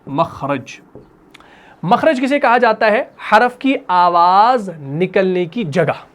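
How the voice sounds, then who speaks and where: Male recitation teacher, patient, question-and-answer delivery, slow repetition of key terms. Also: sits high, lively intonation, fairly bright tone. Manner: patient, asks questions and answers them himself; repeats each term slowly. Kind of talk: classroom lesson.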